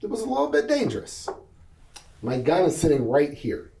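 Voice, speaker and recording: A man's voice: a little high, wildly swooping pitch, normal speed, vocal fry, dark tone, recorded from a distance. An earnest man, a panel guest, tells a personal story with vivid detail and acts out both sides of a conversation. His voice sounds roomy and set back from the mic, as if picked up from across a room.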